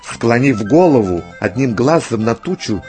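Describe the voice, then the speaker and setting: A man narrating a fable in slow, measured scripted storytelling. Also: mid-range voice, lively intonation, mellow, faint music behind. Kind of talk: scripted fairy-tale narration.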